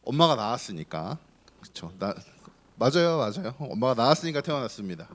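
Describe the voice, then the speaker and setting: A man's voice: mid-range voice, sing-song, fairly quick. A man preaching as pastor to a group of children, keeping them engaged with questions and playful teasing. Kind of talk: children's sermon.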